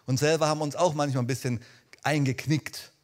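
Animated man preaching to a congregation. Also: on the high side, fairly quick. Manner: animated, addresses listeners directly, swings loud and soft. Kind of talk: lively sermon.

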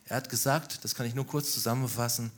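A man preaching a sermon, telling the story with animated emphasis and rhetorical questions. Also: medium pitch, fast.

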